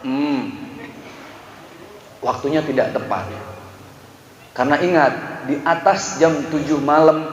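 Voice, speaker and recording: A man's voice: fairly high pitch, moderate pace, long pauses, slight background noise. A male Islamic preacher giving a humorous sermon, storytelling and acting out voices of husbands and wives. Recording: echoey dull hall recording.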